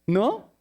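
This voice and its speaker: A man's voice: very high-pitched, fairly bright tone. A man preaching a sermon, telling a story with jokes and acting out its characters in different voices.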